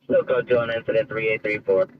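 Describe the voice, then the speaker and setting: A man's voice: fairly low pitch, fairly even intonation, fast. A man working as a police dispatcher, heard over a police radio scanner, reading out clipped codes and addresses in a terse, matter-of-fact way. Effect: police radio scanner transmission. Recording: muffled scanner audio with static hiss.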